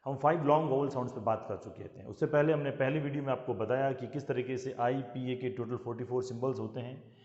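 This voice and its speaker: A middle-aged man from Rajasthan, a lecturer who teaches English vowel sounds slowly, drawing out each example word. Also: medium pitch, a little mellow. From Rajasthan, India. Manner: slow, drawn-out teaching with examples. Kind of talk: phonetics lesson. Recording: echoey room, dull lo-fi sound.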